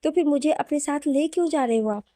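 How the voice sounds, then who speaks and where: A woman voicing a hurt but loving young wife who speaks softly and emotionally. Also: sits high, brisk, no echo, clean studio sound, voice pushed up, close to an everyday voice. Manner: soft, pleading, emotional.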